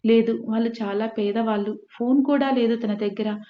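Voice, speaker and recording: A woman's voice: on the high side, steady tone, normal speed, natural voice. Polite hesitant student girl, read by a woman. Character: cautious female college student friend. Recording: echoey room, dull lo-fi.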